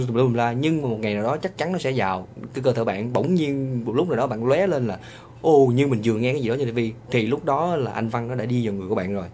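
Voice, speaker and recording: Southern Vietnamese man, mid-range voice, casual advice monologue, chatty with drawn-out hesitations, faint background noise. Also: mid-range voice, dark tone. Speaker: vlogger giving advice.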